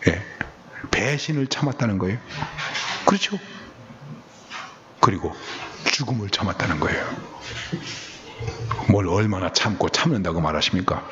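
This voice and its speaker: A man preaching a revival sermon in a church, lively and playful, acting out voices and bantering with the congregation. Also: deep voice, moderate pace, long pauses, highs cut off. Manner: lively, acts out voices of brothers and village kids, banters with congregation. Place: church sanctuary.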